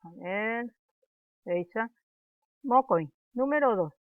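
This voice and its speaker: A woman's voice: a little high, lively intonation, no room sound. A woman teaching a primary-school language lesson, patiently reciting letters and syllables one by one for pupils to repeat. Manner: slow, patient, syllable-by-syllable dictation. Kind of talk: slow classroom lesson, drilling letters and sounds. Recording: dry tinny lo-fi recording.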